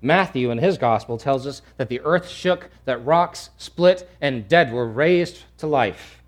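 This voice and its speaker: A man preaching a sermon, swinging from loud to hushed and repeating phrases for emphasis. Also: mid-range voice, animated, a little slow. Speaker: pastor.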